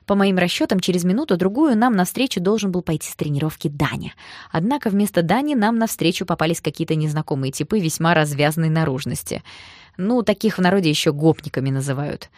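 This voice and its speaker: Woman, lower voice, lively first-person audiobook narration, dry close mic. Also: fast, no room sound.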